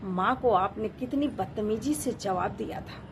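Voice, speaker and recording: A woman's voice: medium pitch, a little slow, creaky, noisy background. A woman voicing a young daughter-in-law who argues sharply with a raised voice. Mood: lecturing.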